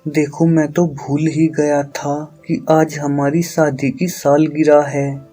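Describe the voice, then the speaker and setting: Man voicing a bitter jealous husband, low-key and even, slow and mellow, soft guitar under it. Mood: pleading.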